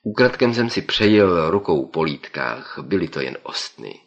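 Deep-voiced male audiobook narrator. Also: big pitch swings, lo-fi sound. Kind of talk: first-person scripted narration.

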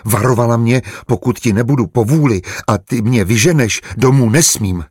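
A man voicing a naive, anxious young female servant who speaks in a rushed, pleading way in an audiobook. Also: medium pitch, a little mellow, breathy edge, no echo, studio quality, natural voice. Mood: earnest.

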